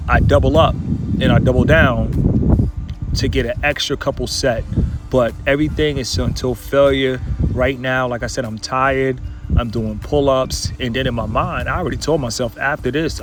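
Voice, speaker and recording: A man talking through his workout in a vlog, motivational and emphatic, repeating his points. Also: mid-range voice. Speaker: fitness vlogger.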